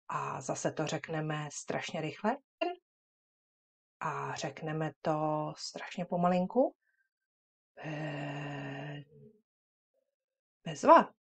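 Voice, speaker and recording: Animated woman teaching children. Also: lowish voice. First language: Czech. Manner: lively, encouraging, exaggerated loud and whispered drills. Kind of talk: children's lesson video with repetition drills.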